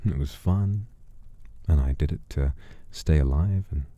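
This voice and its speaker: This livestream host's voice is very deep and dark, and he muses theatrically at a measured pace. In character as a centuries-old wandering voice demon, he tells stories and chats casually with his stream over a close, dry studio microphone.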